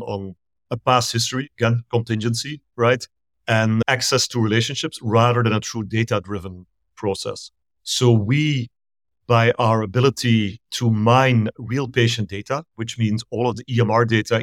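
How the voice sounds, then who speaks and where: A middle-aged Belgian man, medium-pitched and recorded without echo, appears as a guest on a remote podcast interview. As a startup founder and CEO, he explains his business carefully and thoroughly.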